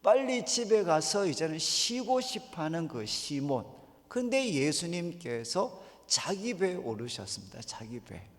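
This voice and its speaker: A male pastor with a slightly raised, gravelly voice delivers a revival sermon in a church. His pitch rises and falls with lively swings as he puts rhetorical questions to the congregation. A long reverb from the sanctuary trails behind every phrase. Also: unhurried.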